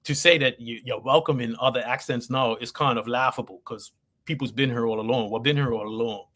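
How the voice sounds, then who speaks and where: A man's voice: medium pitch, steady tone, brisk, a bit bright. A man from Bermuda with a Bermudian accent, an actor chatting as an interview guest and acting out bits of quoted dialogue as he tells stories. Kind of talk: casual conversational interview, anecdotal.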